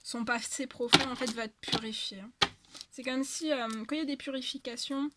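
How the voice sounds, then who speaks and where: A woman's voice: high voice, steady tone, moderate pace, very noisy. Hesitant woman giving a tarot reading. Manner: hesitant, many fillers and repetitions. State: tired voice after an hour of talking. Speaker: tarot reader. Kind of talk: casual spiritual guidance monologue.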